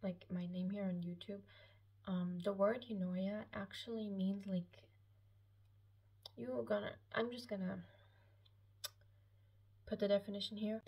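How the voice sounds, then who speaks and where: A 17-year-old German-speaking YouTube vlogger from Austria sits in a small, lived-in room at home, chatting to camera in a personal Q&A. She's hesitant, rambling, and self-conscious, speaking unhurriedly at medium pitch with fairly even intonation, vocal fry, long pauses, and a slightly rough quality. The audio is dull.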